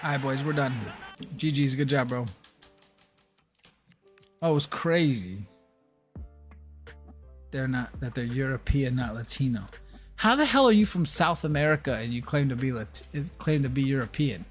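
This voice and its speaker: A man's voice: medium pitch, animated, normal speed, pauses often, soft background music. A man streaming a video game and chatting casually, ranting bluntly and swearing. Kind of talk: casual livestream chat while gaming.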